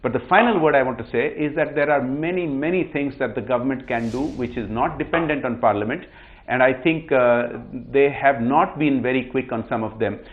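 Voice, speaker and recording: A man, a politician on a TV panel interview, making measured arguments over the phone. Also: mid-range voice. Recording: tinny phone line.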